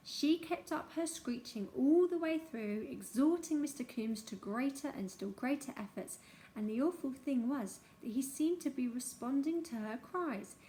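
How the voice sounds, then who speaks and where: A woman narrating a childhood memoir aloud in an expressive storytelling manner. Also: high-pitched, a little hiss or hum.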